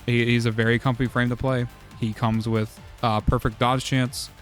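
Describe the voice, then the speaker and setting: A man going hoarse late in a long stream, talking through game builds in a loose, rambling way. His pitch sits in the middle range, and his sentences trail off in fillers and restarts. Soft music plays faintly behind him. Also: level tone, normal speed. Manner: rambling, full of "uh" and "like". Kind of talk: casual game strategy talk.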